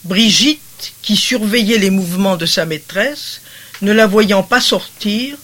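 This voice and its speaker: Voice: medium pitch, takes it slowly, a bit bright. A literature lecturer who reads passages aloud and comments on them in a digressive, explanatory way, with frequent rhetorical asides.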